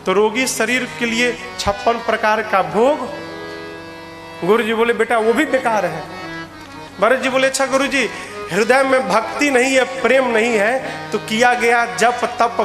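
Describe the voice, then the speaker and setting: Slow, high-voiced preacher in an echoing hall. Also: male voice. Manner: storytelling with quoted dialogue and sung lines. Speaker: katha preacher. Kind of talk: sermon storytelling. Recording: echoey hall with instrument backing.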